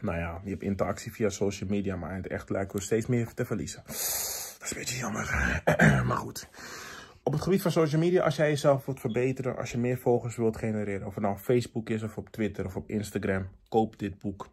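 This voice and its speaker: A young man from the Netherlands casually reviewing books in a vlog, chatty and quick to laugh, dropping in English phrases. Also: on the low side, expressive, breathy edge. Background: faint background music.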